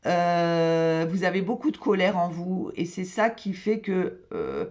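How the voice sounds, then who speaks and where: A woman's voice: fairly low pitch, very animated, a little slow, a little mellow, highs cut off. A woman giving a casual tarot reading for zodiac signs, chatty and repetitive, often checking in with her listeners. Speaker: tarot card reader.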